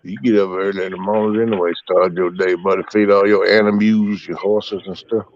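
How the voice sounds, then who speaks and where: A man's voice: sits low, steady tone, brisk. A middle-aged man, casually chatting with his livestream viewers in a rambling, folksy way. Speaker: livestream host. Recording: muffled, dry.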